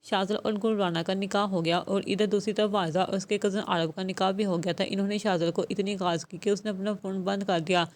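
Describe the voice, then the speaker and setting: A woman narrating a novel aloud in a steady, measured reading voice. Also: medium pitch. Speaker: novel reader. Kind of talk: scripted audiobook narration.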